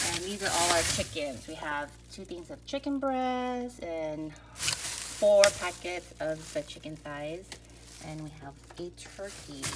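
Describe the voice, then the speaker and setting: A woman's voice: fairly low pitch, heavy background noise. A woman vlogger casually showing her fridge, pantry and garage freezer, slightly out of breath after a workout and filling her talk with "like" and "um.". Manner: chatty, lots of fillers like "like" and "um". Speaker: family vlogger. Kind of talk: casual home tour narration. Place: home kitchen, pantry and garage.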